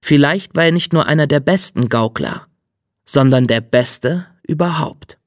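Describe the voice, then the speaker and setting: A man reading an audiobook in measured, even storytelling. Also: fairly high pitch, no echo, studio quality. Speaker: audiobook narrator. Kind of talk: scripted audiobook narration.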